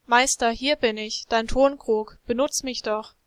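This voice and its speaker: A woman's voice: fairly high pitch, fairly even intonation, measured pace, clean tone, dry recording, close to an everyday voice. A woman voicing a naive, eager little clay jug that pleads with its master in a storybook. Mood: pleading. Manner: pleading, tearful when broken.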